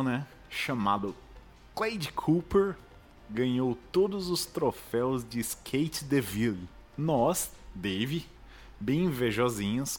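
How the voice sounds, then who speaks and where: A man with a Brazilian Portuguese accent co-hosting a podcast, retelling a game's plot with mock drama. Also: medium pitch. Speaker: podcast co-host. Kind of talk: casual comedic podcast banter.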